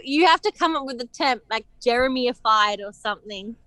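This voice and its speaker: A woman's voice: a little high, animated, normal speed, sharp tone. A woman chatting playfully as a band member in a casual interview. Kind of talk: casual chat.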